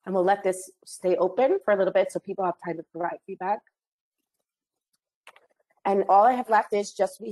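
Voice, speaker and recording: A woman trainer wraps up an online training webinar, her mid-range, slightly mellow voice a little hoarse from a cold. She's chatty and friendly, dropping apologetic asides as she speaks into a computer mic, and the recording is rough.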